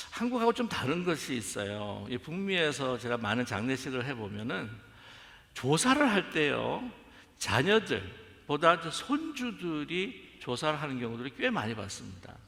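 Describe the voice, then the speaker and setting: A man's voice: medium pitch, creaky, bright, forceful tone, in a large hall. A male pastor preaching a sermon in a church sanctuary. He speaks straight to the congregation and asks them rhetorical questions.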